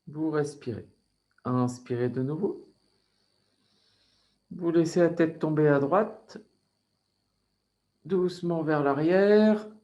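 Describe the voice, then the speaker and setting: French guy teaching yoga on a video call, high voice, real slow and calm with the breath cues. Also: highs cut off. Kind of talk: guided yoga class over video call.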